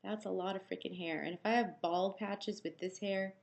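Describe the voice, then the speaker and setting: A gravelly, medium-pitched woman's voice, steady in tone and moderate in pace, belongs to a vlogger recovering from surgery. Dry-mouthed, she chats casually to camera, drifting through anecdotes and acting out quoted dialogue.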